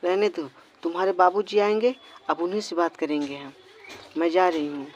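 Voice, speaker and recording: A man's voice: high-pitched, steady tone, moderate pace, highs cut off, a little hiss or hum, natural voice. A man putting on a fussing village mother. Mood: scolding. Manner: scolding, fussing.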